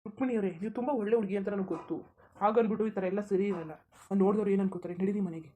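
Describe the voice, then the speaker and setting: A woman's voice: mid-range voice, steady tone, rapid-fire, warm tone, slight background noise, close to an everyday voice. A woman voicing a flustered, polite young married man in a cartoon, pleading with someone to stop. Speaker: cartoon character. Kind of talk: Kannada cartoon voice acting.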